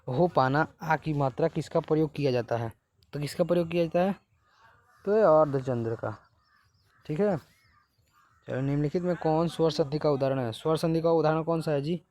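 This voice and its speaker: A male teacher with a slightly high voice walks students through exam questions in a lesson. He asks each question, gives the answer, then repeats it with little prompts to keep the class going. The sound is dry and close, with hardly any room echo. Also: warm tone.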